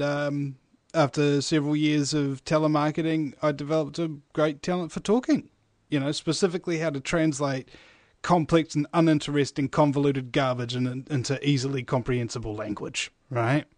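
A man's voice: a little high, fairly even intonation, moderate pace, darkish tone, dry recording. Man. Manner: slangy, matey. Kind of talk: casual conversation.

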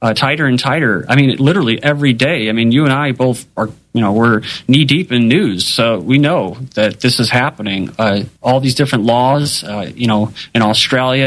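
A man with a mid-pitched voice talks as a journalist in a casual, conversational way. His commentary rambles along loosely, with frequent filler phrases. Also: fairly bright tone, poor audio.

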